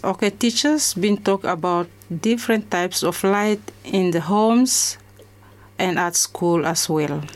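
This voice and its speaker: A woman teacher with a Solomon Islands accent gives a school lesson in English mixed with Solomon Islands Pijin, in a deliberate, explanatory way. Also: medium pitch.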